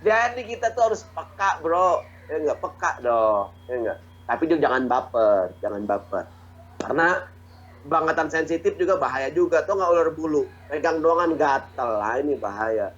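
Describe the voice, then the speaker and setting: A man's voice: fairly high pitch, big pitch swings, normal speed, fairly bright tone, muffled recording. A man giving a casual online religious talk, joking and often asking his listeners "ya nggak?". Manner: jokey, chatty, often asks "ya nggak?"; acts out quoted dialogue. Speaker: Islamic preacher.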